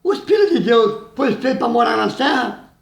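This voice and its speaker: A man preaching loudly and emphatically in a very high, gravelly voice. He laughs often between his points. The sound is roomy and echoing. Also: animated, a little fast. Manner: loud and emphatic, says he always talks loud; laughs between phrases, says "meu irmão" often. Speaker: evangelical preacher. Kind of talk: informal sermon.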